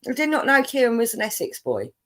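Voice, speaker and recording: A woman with a slightly high voice and big swings in pitch talks quickly over faint background noise. She's English, born in London and raised in Buckinghamshire, and she's hosting a live stream, reading viewer messages aloud in a rambling, chatty style full of fillers and frequent laughter.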